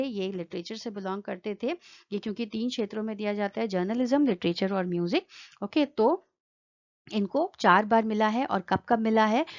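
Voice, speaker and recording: In a muffled recording, a woman with a medium-pitched, slightly mellow voice teaches an exam-prep lecture mixing Hindi and English. She explains things step by step, checks in with listeners often, and keeps repeating "ठीक है."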